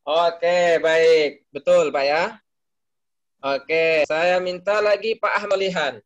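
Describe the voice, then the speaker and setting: Male teacher, high voice, patient and methodical, quizzes the class. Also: steady tone, slow, highs cut off. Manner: patient, explains step by step and quizzes students by name. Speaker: Arabic teacher. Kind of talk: online class, teaching Arabic phrases.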